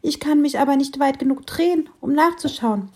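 Casting: woman voicing a soft-hearted little storybook fir tree, gentle, a bit higher. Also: brisk. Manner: gentle, worried questions. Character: small kind fir tree, gentle and concerned.

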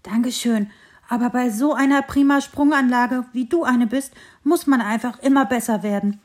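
A woman voicing a cheerful, sporty young male hare in a storybook reading, speaking in a lively, excited way. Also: a little high, normal speed, close to an everyday voice.

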